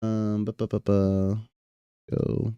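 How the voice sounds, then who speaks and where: A man's voice: on the low side, completely flat delivery, slow pace, dark tone, smooth, no echo, muffled recording. A young man chatting casually on a live stream, rambling with lots of fillers and casual swearing.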